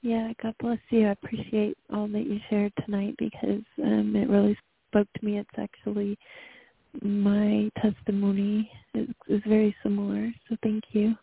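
Flat, gravelly woman calling into a radio show. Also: mid-range voice, normal speed, no room sound. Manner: earnest, softly praising God. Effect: phone line into a radio show. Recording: tinny dry phone line.

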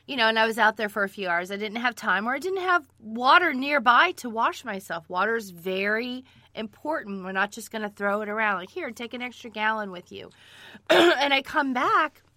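A middle-aged woman with a gravelly voice, hoarse from a cold, co-hosting a casual talk in an animated, interjecting way. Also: a little high, moderate pace, dry recording. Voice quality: gravelly voice from a passing illness. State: hoarse with a cold, clearing throat. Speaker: co-host of a survival medicine show.

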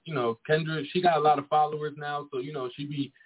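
In a casual chat, a twenty-something guest talks fast with a fairly high pitch and fairly even intonation. He rambles and keeps checking in with "you feel me," and the recording sounds tinny and phone-like.

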